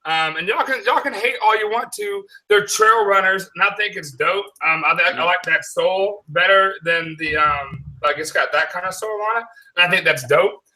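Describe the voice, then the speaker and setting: A man with a Southern accent co-hosting a casual sneaker talk stream, joking loudly, swearing freely. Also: high voice, moderate pace, low-quality recording. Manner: loud, joking, profane. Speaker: co-host of a sneaker show. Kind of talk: casual banter on a live stream.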